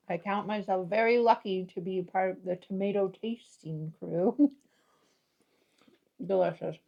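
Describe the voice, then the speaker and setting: A woman's voice: mid-range voice, a little slow, long pauses, a little mellow, dull audio. A young woman, the host's daughter, chatting playfully as a guest and repeating phrases for fun. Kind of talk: casual chat.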